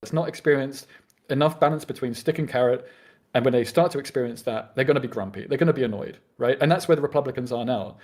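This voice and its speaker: A British-accented man makes an earnest debate argument, speaking fast and often restarting his sentences. His voice is medium-pitched with a darkish tone.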